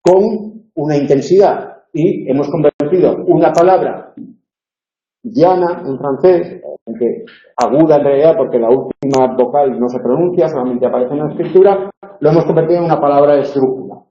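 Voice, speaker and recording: A man's voice: a little high, normal speed, warm tone. Male tutor lecturing in an echoey room. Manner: explanatory, asks for agreement. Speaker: university tutor. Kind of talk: recorded university lecture. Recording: echoey room, dull lo-fi sound.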